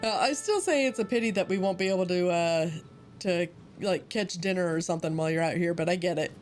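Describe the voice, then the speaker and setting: A woman's voice: lowish voice, brisk. A woman streaming a game, chatting with friends in a playful, joking way and laughing often. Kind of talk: casual gaming commentary. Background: game music.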